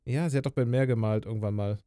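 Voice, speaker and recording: A man's voice: medium pitch, steady tone, quick pace, dark tone, dry recording, clean studio sound. A man co-hosting a casual podcast, chiming in with short reactions and guesses. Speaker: podcast co-host.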